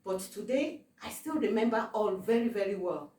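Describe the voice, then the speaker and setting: African woman telling her testimony, halting and repeating herself, sounds far from the mic. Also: mid-range voice, lively intonation, a little mellow. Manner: halting, with many fillers and repetitions. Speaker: testimony vlogger. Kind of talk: personal testimony. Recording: roomy, distant from the mic.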